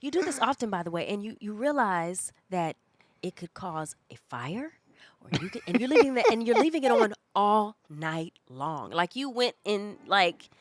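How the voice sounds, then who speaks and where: A hoarse woman with a cold, co-hosting a casual chat and telling stories in an animated way. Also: medium pitch, measured pace, dry recording. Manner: animated, chatty storytelling. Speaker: co-host.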